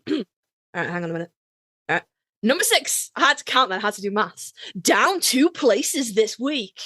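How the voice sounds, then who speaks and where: In a clean, echo-free studio recording, this Yorkshire woman co-hosts a podcast countdown, giving her opinions casually and bluntly with lots of swearing and drama. She sounds a little high and sharp, very animated, at normal speed.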